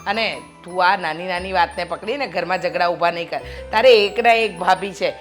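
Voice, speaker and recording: A woman's voice: lowish voice, normal speed, faint music behind, close to an everyday voice. An actress playing a middle-aged mother-in-law who lectures her son and scolds her daughter-in-law. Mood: soothing.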